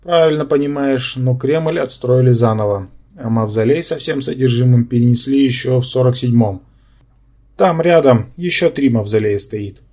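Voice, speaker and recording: A man's voice: mid-range voice, darkish tone, close to an everyday voice. A man voicing a male brain-polyp symbiont who lectures and argues, in an audiobook. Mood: lecturing. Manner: lecturing, quick to take offence.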